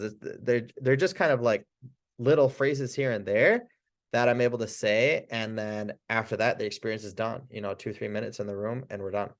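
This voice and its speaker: Speaking at medium pitch, a man who works as a chiropractor gives a casual instructional talk on Spanish phrases for his patients. He's chatty, laughs a lot, and acts out the phrases in an animated voice.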